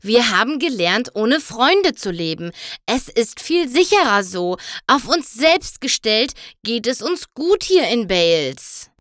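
A frightened male storybook pony pleads desperately, played by a woman reading aloud. The lines sit high and swing widely, delivered slowly and dry, close to the mic. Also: very animated, fairly bright tone, no echo, exaggerated voice. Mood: insistent. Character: pleading, fearful young male pony scholar.

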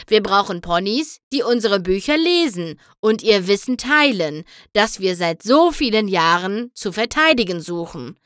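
A wise, sad old stallion from a pony storybook urges gently, voiced by a woman reading aloud. The delivery is slow with a lively melody, recorded dry. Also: medium pitch, no room sound. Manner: gentle, sorrowful persuasion.

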